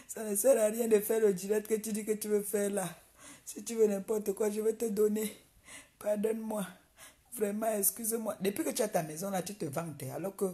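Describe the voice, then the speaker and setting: A woman ranting on a live video, her voice pitched in an ordinary middle range. She taunts her target and hammers the same insults again and again. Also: darkish tone. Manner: taunting, repeats insults over and over. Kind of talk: mocking live-video rant.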